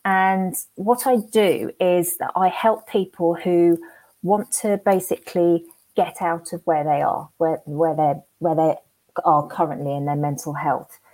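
A woman speaks as a coach being interviewed. Her voice is fairly low and soft-edged, mellow in tone, in a conversational style. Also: steady tone, measured pace, poor audio. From England. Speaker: health coach, interview guest.

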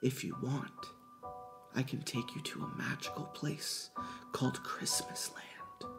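A storyteller voicing a low, inviting male creature that speaks to a child from up a chimney, sounding distant and hushed. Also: fairly even intonation, slow, gravelly, over music. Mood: coaxing. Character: coaxing male hand voice calling down from a chimney. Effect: distant voice echoing down a chimney. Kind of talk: storytelling reading.

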